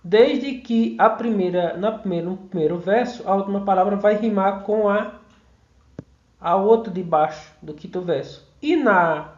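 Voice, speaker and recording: A man's voice: high voice, unhurried, a little mellow. A man giving an online mini-course lecture, explaining step by step, counting syllables aloud and often checking in with tag questions. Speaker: course instructor. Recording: roomy, dull lo-fi sound.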